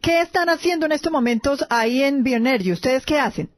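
A woman hosts a radio news interview, asking pointed questions and often pausing on hesitant fillers. Her voice sits a little high, recorded dry and close in a studio. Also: dry recording. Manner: probing, many hesitation fillers.

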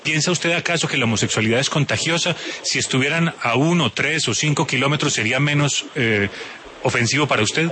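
A man's voice: mid-range voice, brisk, sharp tone, slight background noise. A man interviewing a guest on the radio, pressing her with pointed questions and sometimes stumbling over his words.

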